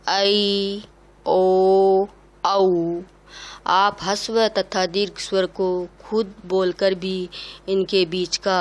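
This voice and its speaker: A woman teaches a class at a very unhurried pace. Her voice sits a little low, and she says each sound separately and carefully, like a patient lesson.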